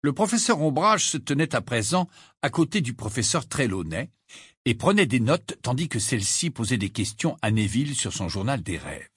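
A man's voice: mid-range voice, sing-song, moderate pace, a bit bright, slightly rough, no room sound, studio quality. A man reading a novel aloud expressively, with an occasional filler. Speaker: reader.

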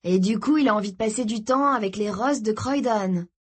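A woman voicing an excited, chatty teenage girl who talks high and eagerly in a read-aloud story. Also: breathy edge, close to an everyday voice. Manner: high, eager, quick to defend.

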